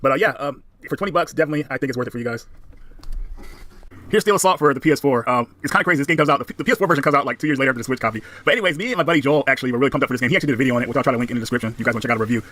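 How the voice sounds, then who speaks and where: A man's voice: mid-range voice, very fast, fairly bright tone. A man giving casual vlog commentary as he reviews a game collection.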